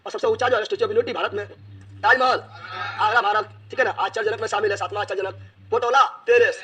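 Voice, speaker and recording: A man's voice: high-pitched, fairly even intonation, brisk, bright, forceful tone. A man teaching an exam-prep lesson, asking questions and answering them himself, repeating each answer as a drill.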